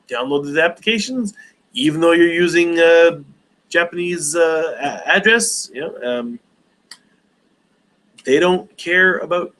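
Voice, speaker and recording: A man's voice: fairly high pitch, a bit bright, poor audio. A man in his forties hosting a casual live stream Q&A, rambling with many hesitations and restarts. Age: 40s.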